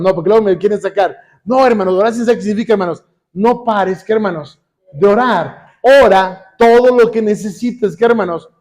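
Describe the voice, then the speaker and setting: A man's voice: high voice, darkish tone. A middle-aged man with a Mexican accent preaching a sermon, who keeps saying "hermanos" and asks his congregation questions, with joking asides.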